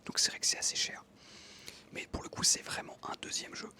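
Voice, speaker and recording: Whispering breathily and a little fast, a young adult gives casual ASMR-style narration of gameplay up close, chatting with informal gamer enthusiasm.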